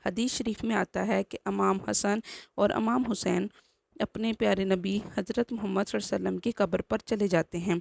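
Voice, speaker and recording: A woman narrating a religious story slowly and mournfully, appealing to her listeners. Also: medium pitch, fairly even intonation, gravelly, no echo.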